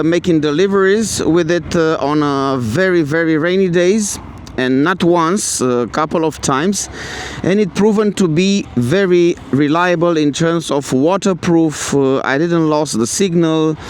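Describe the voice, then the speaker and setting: Male reviewer, non-native English, slightly high voice, halting and repetitive casual delivery, vehicle noise in background. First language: not English. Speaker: product reviewer. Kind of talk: casual spoken product review. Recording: clear outdoor traffic and vehicle noise.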